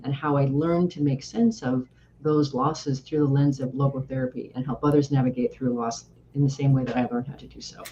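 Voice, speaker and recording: A man's voice: medium pitch, mellow, lo-fi sound, a little hiss or hum. A man co-hosting a podcast, explaining things steadily with a few fillers. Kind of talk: casual interview chat.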